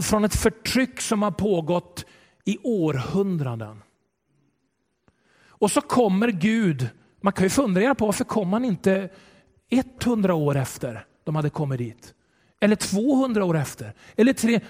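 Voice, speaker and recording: A male pastor preaching a sermon with dramatic swings between loud and hushed delivery. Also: high voice. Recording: long reverb of a large hall.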